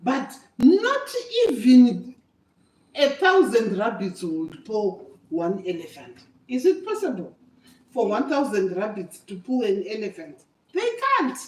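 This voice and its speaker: A mid-range, slightly mellow female voice rises and falls widely as an older woman slowly tells children a story. Her delivery is animated, emphatic, repetitive and teacherly. The room echoes, and the microphone sits away from her.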